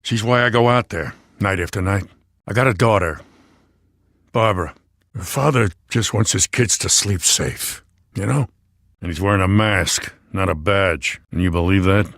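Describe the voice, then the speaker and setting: In dramatic game dialogue, an American voice actor plays a tired but principled police lieutenant, speaking earnestly and plainly. His voice is low and a bit bright, moving at a moderate pace, with studio-quality audio and no echo.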